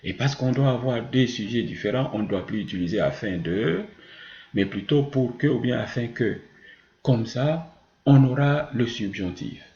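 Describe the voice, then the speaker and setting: A man teaches French grammar in a warm, medium-pitched voice at a normal speed. Working through examples in a didactic way, he poses questions and then answers them himself, captured in a muffled, echoing, roomy recording.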